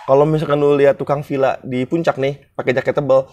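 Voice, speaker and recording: A man's voice: medium pitch, level tone, quick pace, a little mellow. A young man telling a travel story in a casual interview, acting out the dialogue and swearing casually. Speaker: guest, former cooking contestant.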